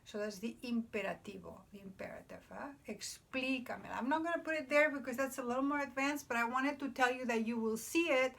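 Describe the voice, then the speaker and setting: A woman's voice: high-pitched, fast talker, creaky, few pauses, a bit bright. A woman teaching a grammar lesson at a board, explaining patiently and checking in with "okay?" after each point. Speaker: Spanish teacher. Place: indoors beside a whiteboard.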